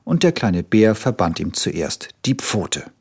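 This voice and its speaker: A man reading a children's story aloud in a tender, expressive manner. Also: low-pitched, slow, gravelly, husky.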